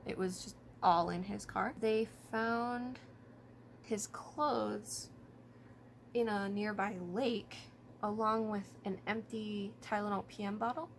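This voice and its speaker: A woman's voice: medium pitch, creaky, a little hiss or hum. A woman talking informally to camera about true crime, thinking aloud and hedging as she goes. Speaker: vlogger.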